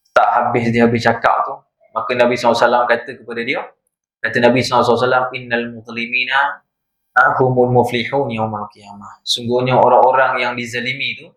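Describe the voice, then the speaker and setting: A man's voice: medium pitch, a bit bright. A man with a Malaysian Malay accent giving an evening religious lecture, telling stories and checking in with his listeners. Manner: storytelling, rhetorical asides to listeners. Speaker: religious teacher. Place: madrasah prayer hall. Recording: echoey hall.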